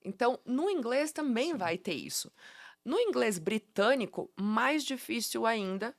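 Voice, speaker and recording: A woman from Curitiba, Brazil, with a Curitiba accent, explaining pronunciation tips as a guest teacher in a playful, animated way and laughing often. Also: on the high side, unhurried, creaky, no room sound, clean studio sound. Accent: Curitiba Brazilian Portuguese. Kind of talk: casual podcast interview.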